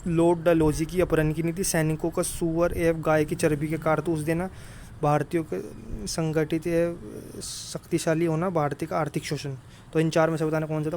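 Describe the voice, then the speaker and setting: A male exam prep teacher gives an informal coaching talk in a fairly high, slightly mellow voice with a level tone and very level intonation at a moderate pace. He is familiar and brotherly, repeatedly checking in with listeners, and the recording is slightly noisy with clear background noise.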